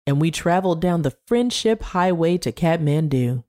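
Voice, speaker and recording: A woman's voice: low-pitched, expressive, moderate pace, mellow. A woman voicing a flamboyant older man who tells travel stories in a sing-song way. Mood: reminiscing.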